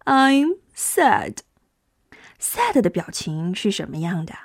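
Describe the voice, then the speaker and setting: A woman's voice: fairly low pitch, wildly swooping pitch, darkish tone, husky, no room sound, clean studio sound. A young woman teaching English to small children, coaxing them along and stretching out each sound to demonstrate it. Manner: coaxing, drawn-out demonstrative phonics. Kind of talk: children's language lesson.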